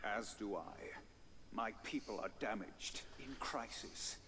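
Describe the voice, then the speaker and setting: An actor playing a proud, vengeful alien warlord in a video game, speaking in a grave, villainous, declamatory way over a faint hum. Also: male voice, on the low side, slow pace, bright, forceful tone. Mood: stern.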